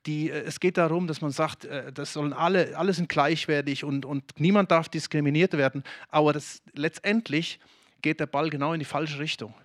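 A man from Germany preaching a sermon, talking straight to the congregation in a lively way with frequent restarts. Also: a little high, moderate pace, dry recording, clean studio sound. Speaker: pastor.

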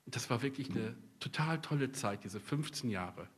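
A middle-aged pastor from East Westphalia delivers a sermon in a husky, breathy voice at a middling pitch. He talks to the congregation like a friend, drifting into personal anecdotes and wry jokes. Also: lively intonation, moderate pace. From East Westphalia, Germany. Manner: personal storytelling with humorous asides; conversational, addresses the congregation directly.

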